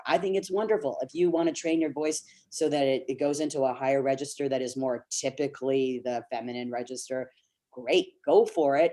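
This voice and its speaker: A man moderates a webinar Q&A over a video call, his voice mellow and relaxed at a middling pitch. He speaks chatty and thoughtful, often restarting a thought before landing it. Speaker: casting director and moderator. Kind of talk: webinar Q&A answer.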